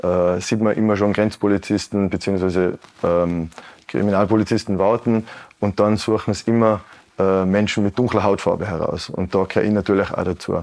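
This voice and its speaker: A man in his late thirties from Tyrol with a Tyrolean Austrian accent, answering earnestly and thoughtfully in an interview, with many pauses and restarts. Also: sits low, steady tone, creaky, a little mellow. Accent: Tyrolean Austrian German. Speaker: guest, Anne Frank House educator. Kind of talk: broadcast interview.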